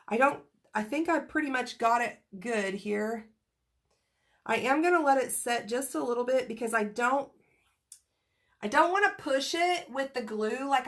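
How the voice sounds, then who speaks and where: Kansas lady with a cold, nasally scratchy, rambling craft live chat, kinda high voice. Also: fairly bright tone. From Kansas, USA. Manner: chatty, rambling, greets viewers by name. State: getting over a cold. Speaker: crafting livestream host. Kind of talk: casual craft livestream chat.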